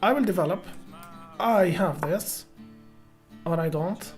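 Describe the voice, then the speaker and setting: Woman streamer thinking aloud, low voice. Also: slow, darkish tone, soft background music. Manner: thinks aloud hesitantly with many fillers and restarts; greets chat viewers by name between moves. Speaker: chess streamer. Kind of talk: live-streamed chess commentary.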